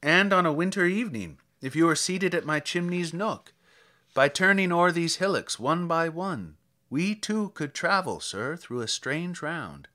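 With a high-leaning, animated voice and a sharp tone, a man plays an aging, reflective country priest in a dramatic verse piece. He recounts tales steadily and plainly.

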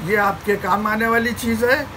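An older man selling fishing reels from his shop counter, repeating model names in a persuasive sales pitch. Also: steady tone, moderate pace, background noise. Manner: repetitive, persuasive salesman patter, urging viewers to buy. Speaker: fishing tackle shop seller. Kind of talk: product showcase sales pitch. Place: small shop packed with shelves, indoors.

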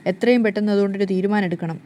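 A woman voicing a scheming old grandmother who coaxes and teases, quick and plain in delivery. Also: mid-range voice, mellow, slight background noise, natural voice. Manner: teasing, wheedling.

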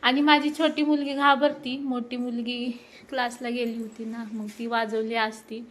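A woman in her thirties chatting excitedly to viewers while filming a family ceremony at home on her phone. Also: on the high side, normal speed. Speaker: vlogger. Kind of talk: casual vlog narration. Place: at home during a family ceremony, indoors and outdoors. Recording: faint background noise.

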